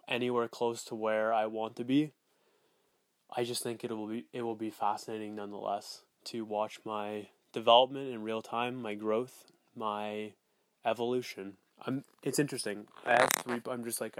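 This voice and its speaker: Speaking into a phone recorder app, this man tapes his solo podcast as a voice memo, with no room sound at all. His mid-range voice has a slight brightness, and his talk is confident and meandering, loaded with fillers and curse words.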